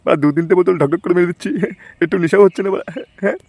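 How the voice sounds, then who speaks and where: A man's voice: sits high, fairly even intonation, rapid-fire, gravelly, background noise. A man voicing a bossy, foul-mouthed thug moneylender in a cartoon. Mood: menacing. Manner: swearing, bossy. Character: thuggish male moneylender boss, rough and threatening.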